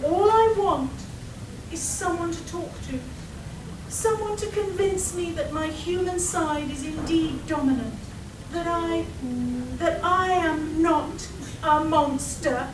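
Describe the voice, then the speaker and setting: High-pitched melodramatic weasel-hybrid villainess, echoey. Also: female voice, slow pace, distant mic. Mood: lonely, brooding. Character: seductive, unstable female human-weasel hybrid villain, lonely and melodramatic. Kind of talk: live comic radio play acting. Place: live performance at a convention, distant mic. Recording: echoey, noisy live hall recording from afar.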